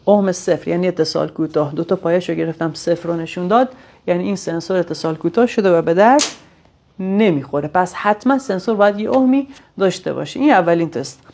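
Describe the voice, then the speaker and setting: A woman's voice: lowish voice, a little mellow. Woman explaining sensor tests step by step. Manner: explains step by step, thinking aloud with fillers. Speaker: technician demonstrating sensor tests. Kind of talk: hands-on technical tutorial.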